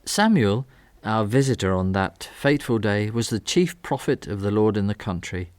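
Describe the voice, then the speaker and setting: A man's voice: on the low side, very animated, normal speed, a little mellow, smooth, dry recording. Man narrating wryly in a dry booth. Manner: reflective, wry storytelling. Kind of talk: radio drama narration.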